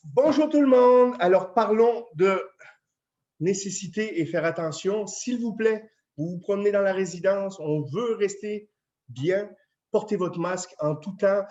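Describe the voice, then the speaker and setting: A chatty French-accented man gives a casual talk as a chef, stopping often on small fillers. His voice sits high for a man. The sound is dull and lo-fi. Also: unhurried, darkish tone. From France. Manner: chatty, friendly, with many fillers. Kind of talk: casual address to residents.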